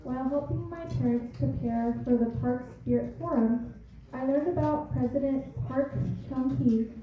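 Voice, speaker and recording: High-voiced young Korean American woman, echoey hall. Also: very slow, phone-quality sound. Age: 20s. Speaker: student guest speaker. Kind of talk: prepared bilingual speech. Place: large echoey indoor forum venue. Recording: very echoey hall, distant, thin band-limited sound.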